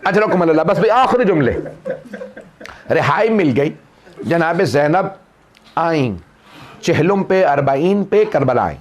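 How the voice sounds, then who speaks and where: A man's voice: on the high side, expressive, unhurried, pauses often. A middle-aged man, a Shia cleric, recites a mourning sermon and rises to wailing peaks in the quoted lines.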